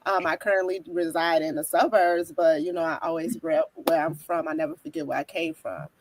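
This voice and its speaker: A woman from Chicago's south side speaks in a lowish voice as a guest on a video call interview. She is upbeat and friendly. A faint hiss runs under the line. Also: fairly even intonation, fairly quick. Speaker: guest author.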